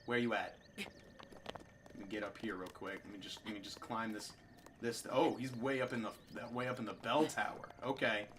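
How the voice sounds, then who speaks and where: Casual male let's-play host, rambling and excitable, faint noise behind. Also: fairly low pitch, moderate pace, poor audio. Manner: chatty and excitable, many restarts. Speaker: game commentator.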